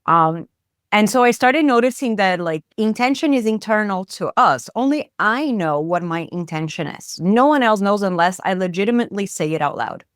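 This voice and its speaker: In an interview, a psychotherapist guest with a Brazilian accent explains her ideas thoughtfully, using lots of fillers. Her medium-pitched voice is animated and moves at a moderate pace. The recording is clean studio audio with no room sound.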